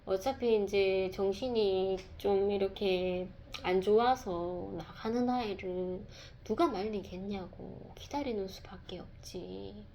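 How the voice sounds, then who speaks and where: Woman, conversational testimony, mid-pitched, soft and reflective, faint background hiss. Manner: soft-spoken and reflective, with pauses and fillers. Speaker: speaker sharing a personal testimony. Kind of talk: casual testimony talk.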